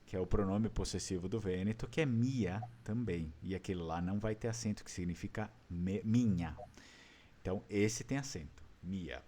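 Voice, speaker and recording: Low-voiced Brazilian teacher, patient. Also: male voice, normal speed, mellow, slight background noise. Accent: Brazilian Portuguese. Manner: patient, explains step by step and quizzes students. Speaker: language teacher. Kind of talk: online class.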